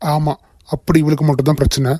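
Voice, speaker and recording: A man voicing a grumpy older father-in-law in a cartoon, gruff and complaining. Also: on the high side, level tone, a little fast, mellow, no room sound, studio quality, natural voice. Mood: grumbling. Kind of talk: cartoon voice acting.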